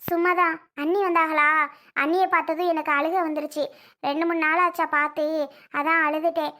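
Tearful young wife , played by a child, high and bright, pleading. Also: level tone, brisk. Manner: soft, pleading, apologetic. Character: tearful young married woman, gentle and pleading. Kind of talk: homemade family drama.

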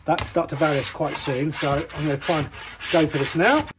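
A middle-aged British man with a slightly raised voice walks through workshop repairs in a practical, easygoing way, pausing with fillers as he works. He is recorded on a nearby camera mic in a small indoor workshop. A faint hiss of noise sits under his voice. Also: fairly high pitch. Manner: practical, explanatory, relaxed with fillers. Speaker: ski technician. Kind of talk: hands-on workshop demonstration.

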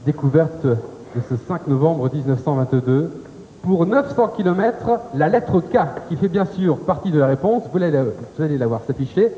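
A man in his thirties runs a television game show, quizzing the contestants in a chatty, cheerful manner. His voice is a little high and warm, with big pitch swings and a moderate pace. He uses a handheld mic on the studio set, where the sound is reverberant with faint tape hiss.

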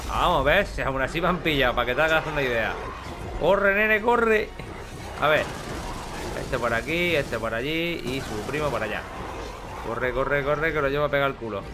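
Excitable man commenting gameplay. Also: medium pitch, a little fast, background noise. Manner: excitable, chatty, swears casually. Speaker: gaming video host.

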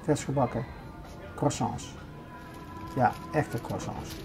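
Speaking slowly and expressively in a medium-pitched voice, an older vlogger takes viewers around a large supermarket, pointing things out in a chatty way. Music plays underneath his casual narration.

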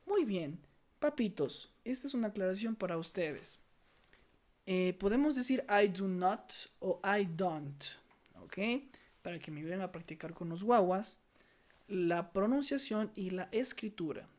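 Slow-paced woman teacher. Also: mid-range voice, lively intonation. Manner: slow, drawn-out English drills; warm praise to young learners. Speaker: English teacher. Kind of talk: bilingual lesson for children.

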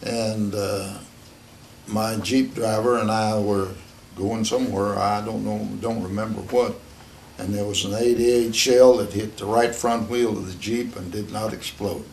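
An elderly American man, a war veteran remembering in an unscripted interview, speaking in a halting, plain-spoken, matter-of-fact way. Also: lowish voice, fairly even intonation, darkish tone, a little hiss or hum, low-quality recording.

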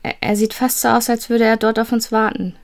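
A brave, fiery young girl from a storybook, urgent and bossy with her best friend, as a woman puts her on. The voice is pitched above the reader's own low register and keeps a gravelly edge. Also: little pitch movement, a little fast, no echo, natural voice.

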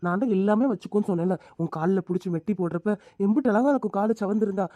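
A woman's voice: mid-range voice, very fast, dark tone, no echo, lightly acted. A woman voicing a doting young husband who coaxes and teases his wife in a cartoon. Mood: coaxing. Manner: coaxing, teasing. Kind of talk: cartoon voice acting.

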